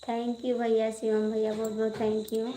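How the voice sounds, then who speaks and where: A woman with an Awadhi accent hosting a phone live stream, calmly reading out viewer comments, thanking people and adding devotional greetings. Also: a little high, slow pace, slight background noise, low-quality recording. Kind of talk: casual live-stream chat.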